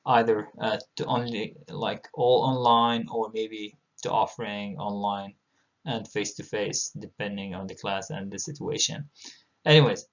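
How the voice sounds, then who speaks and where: Gravelly middle-aged man giving an online lecture. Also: mid-range voice. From Palestine. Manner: measured, many filler pauses. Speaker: university instructor. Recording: dull lo-fi audio.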